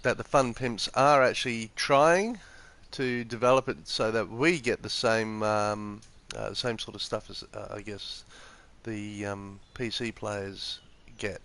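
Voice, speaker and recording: This man has a lowish, slightly bright voice and speaks unhurriedly in a steady tone with few pauses. He's a gaming live streamer suffering from the flu and a stuffy nose, talking casually and haltingly while explaining gameplay. He's using a PS4 headset microphone in a room next to an office, windows open.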